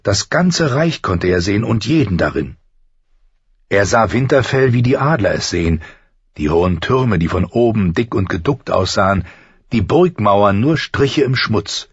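Very husky, slow-reading male narrator. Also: fairly low pitch, lively intonation, no echo, highs cut off. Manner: slow, measured, dramatic telling. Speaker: audiobook narrator. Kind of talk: scripted fantasy narration.

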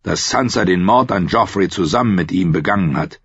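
Man reading as a cynical, mocking knight, deep and husky, dry sound. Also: brisk, no echo. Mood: sardonic. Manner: dry, sardonic. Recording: dry, slightly dull studio audio.

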